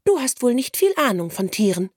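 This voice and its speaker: A woman's voice: on the high side, sing-song, a little fast, darkish tone, slightly rough, dry recording, pitched above the performer's own voice. A woman voicing a small male sparrow who lectures in a superior tone, recorded dry and close. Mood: lecturing. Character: know-it-all little male sparrow.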